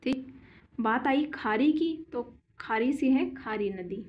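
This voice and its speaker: A woman teaching a geography lesson, slowly repeating key names and quizzing her students with questions as she draws on a board. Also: fairly high pitch, animated, lo-fi sound. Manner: slow and deliberate, drawing on a board while explaining.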